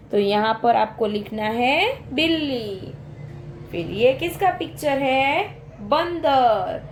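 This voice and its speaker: Woman, school teacher, slow, patient, repeats answers. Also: high voice, slight background noise. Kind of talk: workbook lesson for young children.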